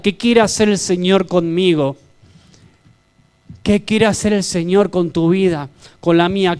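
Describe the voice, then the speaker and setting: A man's voice: high voice, clear, resonant tone. A male pastor, preaching a fervent sermon to his congregation and praying aloud. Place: church service. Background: soft keyboard music.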